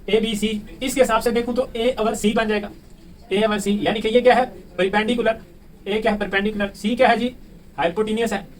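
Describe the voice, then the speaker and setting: A man with a Pakistani Urdu accent teaching a math lesson, who keeps asking the class questions and answering them himself. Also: high-pitched. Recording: distant mic with faint room noise.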